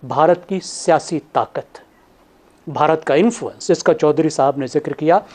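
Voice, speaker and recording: A man, a TV analyst laying out his points one by one in a measured way. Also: fairly high pitch, darkish tone. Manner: measured, lists points in order. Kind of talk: studio analysis.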